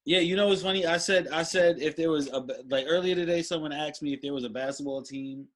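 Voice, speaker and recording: A man's voice: on the high side, quick pace, fairly bright tone. A man in his thirties from Brooklyn with a Brooklyn accent, chatting casually as a comedy guest in an interview. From Brooklyn, New York. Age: 30s.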